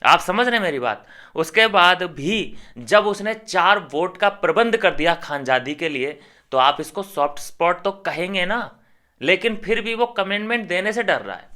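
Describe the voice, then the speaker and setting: A man's voice: high-pitched, lively intonation, moderate pace, bright, forceful tone. A man commentating on a reality show, ranting heatedly and scornfully straight at his viewers.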